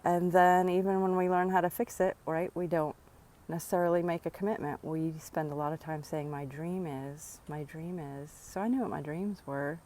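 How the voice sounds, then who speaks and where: A woman's voice: on the low side, steady tone, fairly quick, hardly any pauses, a little mellow. A woman speaking earnestly into her phone outdoors near her home, giving a reflective motivational vlog with sighs between thoughts. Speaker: vlogger.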